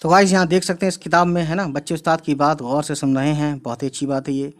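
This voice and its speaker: A man's voice: a little high, flat delivery, fast. A man teaching a class, going through words one by one and often checking with "theek hai" as he explains. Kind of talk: casual classroom lesson.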